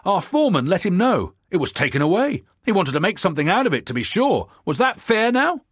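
An eager, argumentative convict , voiced by a man reading aloud, who pushes his point in a high, loud voice. There is a husky edge to his tone, and he sounds close and dry. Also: moderate pace, no echo, heavily acted. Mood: heated, indignant. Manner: excited, high-pitched and loud.

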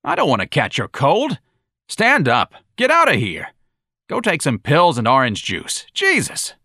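A man voicing an irritable, bullying police sergeant who shouts at a subordinate, in a read-aloud story. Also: lowish voice, animated, normal speed, no echo, clean studio sound. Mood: gruff. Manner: gruff, shouting.

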